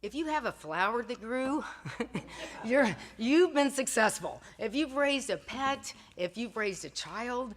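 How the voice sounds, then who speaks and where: A woman's voice: fairly high pitch, lively intonation, takes it slowly. An older woman giving a casual sermon at a Sunday church service, chatty and self-deprecating, laughing often and restarting her sentences. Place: church sanctuary.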